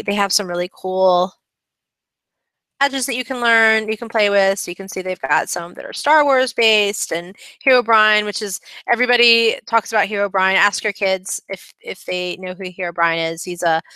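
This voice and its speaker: Bright, crisp-voiced woman explaining casually. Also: medium pitch, normal speed, dry recording, poor audio. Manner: chatty and upbeat, with frequent ums. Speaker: kids' coding club instructor. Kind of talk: screen-recording tutorial walkthrough.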